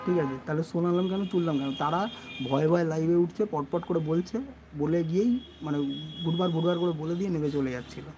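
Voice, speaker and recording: A man's voice: a little high, fairly quick. A man hosting a live stream, reading out viewers' comments and answering them in a casual way. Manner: soft and hushed, later loud and excited. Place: indoors near another room. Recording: noisy live stream audio.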